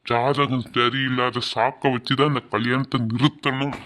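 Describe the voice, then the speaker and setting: Man voicing a cartoon husband, mid-pitched, sly, scheming, muttering. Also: little pitch movement, moderate pace, pushed and bright, close to an everyday voice. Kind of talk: cartoon voice acting.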